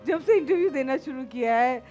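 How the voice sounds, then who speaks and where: A woman in her thirties with a Pakistani Punjabi accent, a guest chatting casually in an interview, lively and blunt, mixing in English and Punjabi phrases. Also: sits high, a little fast, highs cut off, soft background music.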